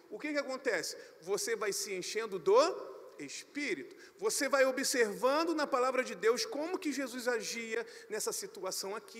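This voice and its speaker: A Brazilian man preaching a sermon as pastor at a church service, animated with sudden loud emphasis. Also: extremely high pitch. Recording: long church reverb.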